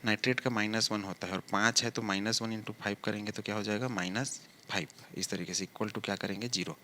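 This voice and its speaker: A man teaches a chemistry lesson at the blackboard, explaining step by step, posing questions and answering them himself while drawling words out slowly as he writes. His lowish voice is pushed and bright with fairly even intonation, over slight background noise.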